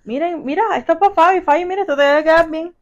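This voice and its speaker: Cuban lady vlogging at home, high voice, super gushy and exclamatory, keeps saying family to viewers. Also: quick pace, muffled recording. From Cuba. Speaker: vlogger, mother. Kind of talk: casual unboxing vlog.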